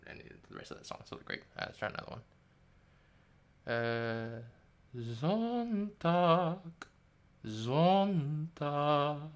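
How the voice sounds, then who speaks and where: A man with a slightly high voice speaks slowly, with big pitch swings and long pauses. He's an indie game developer with a light New Zealand English accent, chatting casually and wryly on a live-streamed devlog, rambling and often correcting himself.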